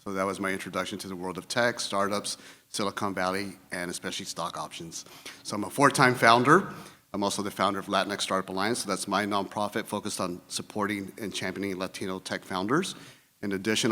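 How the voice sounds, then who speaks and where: A man from Houston speaking as an investor on a panel, energetic and conversational. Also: lowish voice. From Houston, Texas. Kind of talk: panel discussion. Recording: long reverb of event hall.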